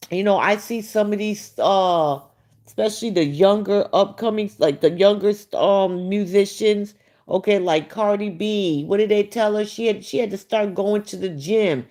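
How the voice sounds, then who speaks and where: A warm, medium-pitched woman's voice belongs to a livestream host. She gives casual gossip commentary in a blunt, profane way and talks back to her viewers.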